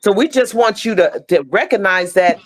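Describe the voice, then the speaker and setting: A middle-aged American woman, a stage play cast member, joins a podcast interview by video call for a casual, heartfelt conversation. Her medium-pitched voice keeps a normal speed, and she speaks emphatically, often repeating phrases.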